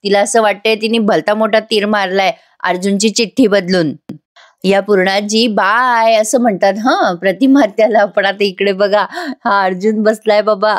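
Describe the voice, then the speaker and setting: A woman's voice: mid-range voice, fairly even intonation, moderate pace. A woman narrating a voice-over review of a TV serial, chatting directly to her viewers.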